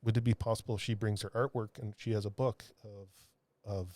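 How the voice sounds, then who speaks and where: A man, a comic book artist, telling a heartfelt story in a podcast interview, halting with many restarts and fillers. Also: fairly low pitch, flat delivery, darkish tone, no echo. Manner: earnest, heartfelt.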